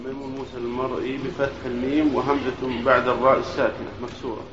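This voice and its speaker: A man reads an entry from a reference book quickly in a flat, even tone. He sounds far from the mic, in an echoey room with clear background noise. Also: medium pitch. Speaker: student reading a reference entry. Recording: distant, echoey, noisy lo-fi recording.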